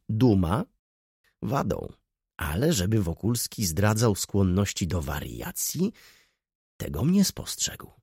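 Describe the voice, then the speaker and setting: A man voicing a polite, ingratiating male sales agent who asks curious questions, with a husky voice. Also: lowish voice, darkish tone, no echo, clean studio sound, exaggerated voice.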